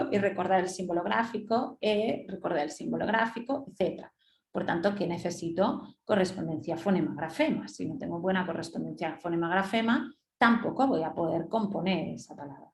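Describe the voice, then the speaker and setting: A woman's voice: on the low side, echoey room. A woman leading an instructive webinar, explaining step by step and often checking in with her listeners. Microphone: webinar computer mic.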